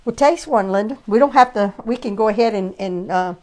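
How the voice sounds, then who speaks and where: A woman hosting a casual cooking demonstration in her home kitchen, chatty and halting with many restarts. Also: medium pitch, mellow. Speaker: cooking show host.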